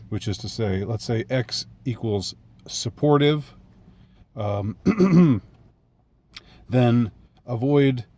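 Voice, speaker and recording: A man's voice: on the low side, a little mellow. A man talking in a casual monologue, rambling and hesitant, with many fillers and restarts and frequent chuckles. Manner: chuckles often. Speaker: commentator.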